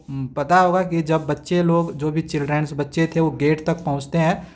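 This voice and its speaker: A man teaching a primary school English lesson, reading English lines slowly and explaining each one step by step, often asking if it is understood. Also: on the high side. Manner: explains step by step, often checks "samajh mein aa gaya?".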